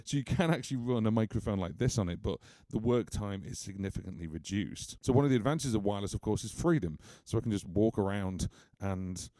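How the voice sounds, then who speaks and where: British male musician, low mellow voice, dry close studio sound, chatty gear-review delivery. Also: a little fast, no room sound. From United Kingdom. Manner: chatty, explanatory, many fillers like "obviously". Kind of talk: casual gear review and demo. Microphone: studio microphone.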